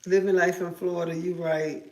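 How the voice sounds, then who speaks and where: Her lowish voice barely moves in pitch and keeps a moderate pace as she hosts a casual livestream indoors at home. She's feeling sick with what seems like an oncoming cold, rambling and repeating herself amid echoey room sound.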